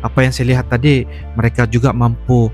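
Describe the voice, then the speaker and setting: A man's voice: mid-range voice, level tone, brisk, darkish tone. A man giving wordy, repetitive, casual reaction commentary as a video host. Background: music.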